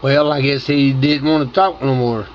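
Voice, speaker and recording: A man's voice: mid-range voice, steady tone, moderate pace. A man from Tennessee chatting casually as a ham radio operator and commenting for his video. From Tennessee, United States. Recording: dull audio with faint noise.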